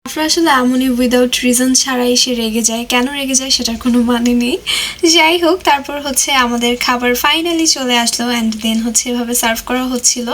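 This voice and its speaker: A woman's voice: on the high side, a little fast, a bit bright, a little hiss or hum. A young woman from Bangladesh narrating her family vlog in a chatty way, slipping English phrases into her talk. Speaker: vlogger.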